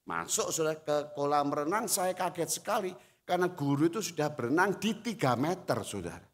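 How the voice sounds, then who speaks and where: A man preaching a sermon as a retired pastor. His carries a tinge, and he swings between loud exhortation and low, quiet storytelling. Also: lively intonation, fairly quick. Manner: acts out voices in anecdotes. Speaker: pastor emeritus. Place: church hall. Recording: reverberant church hall.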